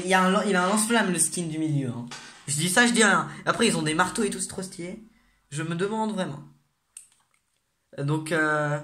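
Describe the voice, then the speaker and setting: A gaming video host giving casual commentary on new game content, excitable and reading the menu text aloud as they go. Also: mid-range voice.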